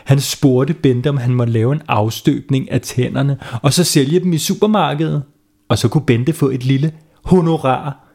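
A man's voice: medium pitch, creaky, a little mellow, slightly rough. Guy reading a goofy kids story, playful, chats with the kids. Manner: playful, talks with kids listening. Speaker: storyteller, host. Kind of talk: children's story narration.

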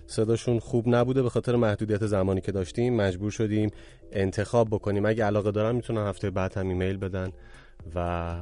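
A man with a lowish voice co-hosts a radio programme, talking to listeners in a friendly, conversational manner. He often stops on filler sounds between phrases. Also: steady tone, dark tone, soft background music. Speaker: radio co-host. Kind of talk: casual radio talk.

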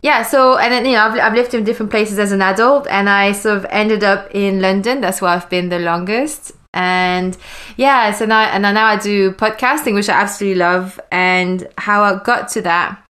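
A woman's voice: mid-range voice, fairly even intonation, normal speed, fairly bright tone. A woman in her forties from Belgium, a podcast guest telling her story in a chatty, rambling way with frequent laughs. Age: 40s. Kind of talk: casual interview chat.

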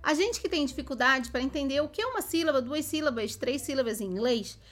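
A woman with a high voice hosts an educational podcast for children. She explains the lesson points to listeners in a friendly, clear way. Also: animated, a little fast, fairly bright tone. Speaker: podcast host. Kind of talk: explaining to parents.

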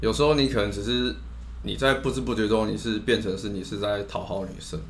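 A man's voice: lowish voice, steady tone, quick pace. A man with a Taiwanese accent co-hosting a casual advice chat, often repeating and rephrasing himself. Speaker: co-host. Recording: noticeable background noise.

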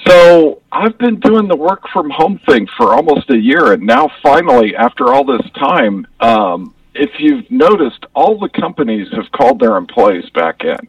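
A man's voice: medium pitch, very animated, normal speed, gravelly, few pauses, dry recording. Man talking through a tube. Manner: laid-back slangy talk. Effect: muffled, sounds like talking through a tube. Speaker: co-host. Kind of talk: casual podcast chat. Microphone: 4G phone. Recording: distant lo-fi phone line.

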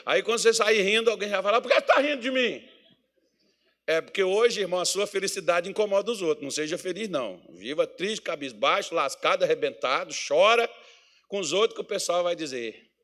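A man's voice: high-pitched, lively intonation, quick pace, a bit bright. A male pastor from Minas Gerais preaching a sermon, mixing folksy joking asides with emphatic, rising preaching. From Minas Gerais, Brazil. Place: church meeting hall.

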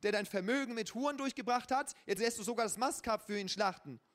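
Sex: male. Figure: a preacher voicing a resentful elder brother in a scripture reading. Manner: rising, accusing, loud. Pitch: high. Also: quick pace. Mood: bitter.

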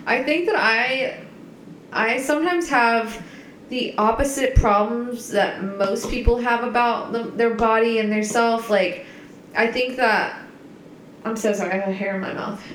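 A woman's voice: fairly high pitch, unhurried, a bit bright. A young woman co-hosting a casual chat, rambling with many fillers and asking questions. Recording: echoey room with faint noise.

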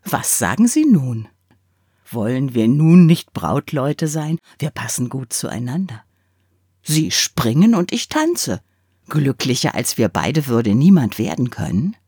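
A woman reading a fairy tale aloud and voicing a proud mahogany spinning top who boasts and woos in a slightly lower voice. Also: big pitch swings, slow, mellow, slightly rough, no echo, clean studio sound, full character voice. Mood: wooing.

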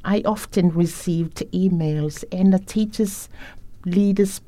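A woman speaking as an education facilitator in a reflective interview, in a measured, deliberate manner. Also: lowish voice, mellow.

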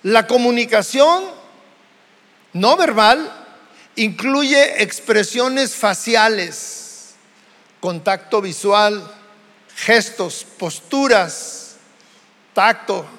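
A Mexican pastor preaches slowly and deliberately, his voice sitting high for a man. The sound carries a long reverb from the church hall around him. He shifts his tone again and again to make his points. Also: a bit bright. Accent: Mexican Spanish. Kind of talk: sermon.

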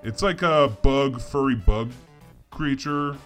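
A man playing a boastful, drunken alien starship captain, rambling and halting in improvised comedy. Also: mid-range voice, fairly bright tone, soft background music. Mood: rambling confession. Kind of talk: improvised comedy role-play.

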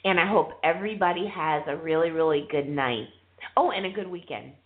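A woman's voice: low-pitched, fairly quick. A woman hosting a call-in radio show, chatting casually in an informal, reassuring way. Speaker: radio show host taking callers. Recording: tinny phone-line sound.

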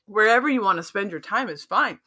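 Bright-voiced woman, rambling casual chat. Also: medium pitch, fairly quick. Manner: rambling, animated storytelling. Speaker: podcast co-host.

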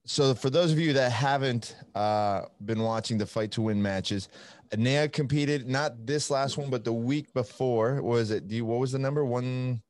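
A young Italian man hosts a podcast in a casual interview style, rambling cheerfully and using lots of fillers. His voice is medium-pitched and slightly mellow, at a normal pace, with no echo.

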